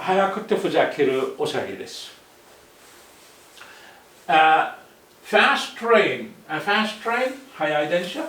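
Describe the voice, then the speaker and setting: A man with a fairly high voice teaches at a deliberately slow pace, going over each phrase several times and correcting himself as he goes. He sounds set back from the microphone in an echoey room. His first language is Arabic. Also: bright, forceful tone. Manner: repeats phrases slowly with self-corrections. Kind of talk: slow, repetitive language lesson, mixing English and Japanese. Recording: echoey room, voice far from the mic.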